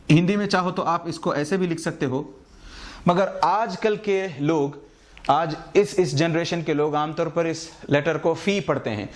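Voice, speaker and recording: A man explaining English letter pronunciation in a lesson, patiently repeating each sound as a model. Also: a little high. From India. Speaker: English teacher.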